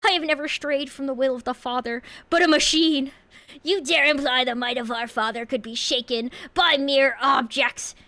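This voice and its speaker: Woman playing a high-voiced, pompous, outraged archangel. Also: fairly even intonation, moderate pace, sharp tone, no echo. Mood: solemn, indignant. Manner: grandiose, declamatory. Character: pompous, outraged holy archangel declaring absolute devotion.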